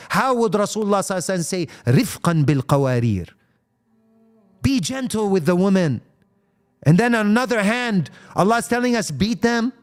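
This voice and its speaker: A man giving an impassioned live-stream talk on faith, answering viewers' comments and mixing English with Arabic phrases and rhetorical questions. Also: high voice. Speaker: Islamic speaker.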